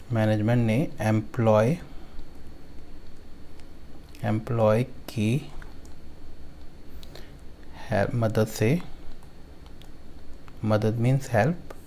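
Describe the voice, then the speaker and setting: A male accounts teacher from Delhi, lecturing his students in a Hindi-speaking accent. He repeats key lines slowly, turns them into a rhyme to recite and keeps asking if things are clear. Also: mid-range voice, a little mellow, slight background noise.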